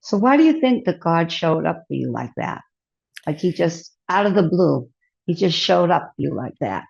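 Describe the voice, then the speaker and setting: A woman hosts a podcast interview, affirming her guest before asking questions. Her voice is low and gravelly with a lot of fry. The audio sounds dull and lo-fi, like a remote connection. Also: sing-song, normal speed, darkish tone. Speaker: podcast host.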